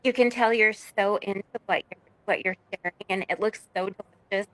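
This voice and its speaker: A woman's voice: medium pitch, brisk, fairly bright tone, dry recording, low-quality recording. Woman's voice with audio dropping out. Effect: audio cutting out in dropouts. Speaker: cacao ceremony leader. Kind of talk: casual live video call chat. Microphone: phone microphone.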